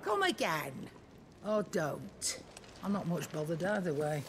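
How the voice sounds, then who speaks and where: An actress playing a curt, indifferent shopkeeper in a video game, brusque and offhand. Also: female voice, on the low side, very animated, measured pace, slight background noise. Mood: brusque, bored.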